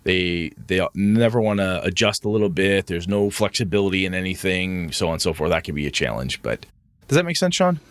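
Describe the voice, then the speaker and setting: A lower-pitched man talks on a casual podcast about running tabletop games, using restarts and the odd curse. His voice leaps upward when he acts out disbelief. The sound is dry and close. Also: brisk, no room sound. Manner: animated, swings pitch up for mock-indignant asides; casual swearing, many restarts. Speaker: podcast co-host. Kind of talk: casual gaming chat.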